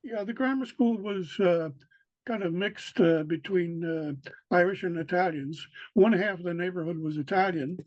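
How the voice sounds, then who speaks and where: An older man from New York City, a local historian being interviewed casually, speaks in a high voice. His speech is halting, full of fillers and restarts. The recording is dry, dull and lo-fi.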